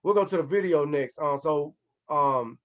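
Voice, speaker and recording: A man with a slightly raised pitch hosts a casual podcast and asks his questions in an easygoing way. His voice comes through somewhat dull and muffled, like lo-fi audio. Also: normal speed, fairly bright tone. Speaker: podcast host.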